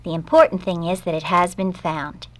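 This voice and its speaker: A woman voicing a kind, firm rabbi father in a storybook reading, speaking calmly and reassuringly. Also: fairly low pitch, moderate pace, lightly acted.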